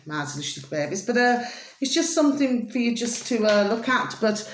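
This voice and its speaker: A woman's voice: a little high, sing-song, fairly quick, slight background noise. A middle-aged woman with a broad Scottish accent, rambling casually to her viewers with repeated affectionate catchphrases. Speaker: video blogger. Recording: echoey room.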